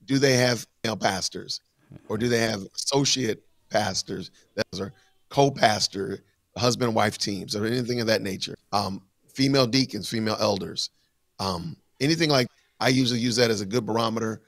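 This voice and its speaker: A man's voice: fairly low pitch, moderate pace, fairly bright tone, no room sound, clean studio sound. A man explaining things step by step in a casual livestream chat, with frequent fillers and restarts.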